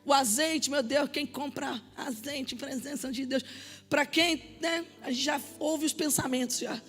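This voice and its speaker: A woman pastor, preaching an impassioned sermon that builds to shouted, repeated appeals. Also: high-pitched, steady tone, measured pace, faint music behind. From Brazil. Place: church sanctuary. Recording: reverberant church hall.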